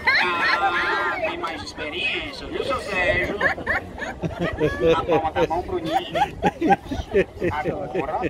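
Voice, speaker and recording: Animated Northeastern Brazilian male street comedian, noisy crowd. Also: on the high side. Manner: teasing, playful crowd banter. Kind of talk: improvised street comedy show with volunteers. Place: open seafront square at night. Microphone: distant camera among spectators. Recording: distant mic, loud outdoor crowd noise. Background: loud crowd and outdoor noise.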